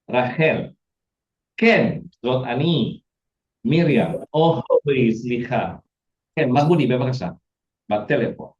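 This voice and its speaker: A man's voice: medium pitch, animated, slow pace, pauses often. A man teaching a Hebrew lesson online, acting out dialogue lines in playful voices. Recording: echoey, dull lo-fi audio.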